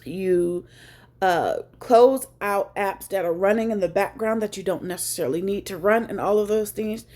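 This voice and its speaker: A woman's voice: mid-range voice, normal speed, a little mellow. A woman hosting a casual phone tutorial, chatty and joking, thinking aloud as she goes. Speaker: tech tutorial host. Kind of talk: casual screen-share tutorial.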